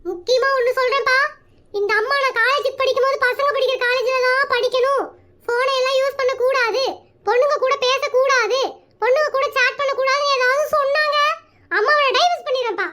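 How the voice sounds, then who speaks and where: A woman's voice: extremely high pitch, fairly even intonation, brisk, bright, forceful tone. A woman voicing a cheeky, dramatic young boy in a cartoon comedy, speaking with a rural Tamil Nadu accent and a whiny, pleading manner. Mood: sassy. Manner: whiny, pleading, mock-threatening.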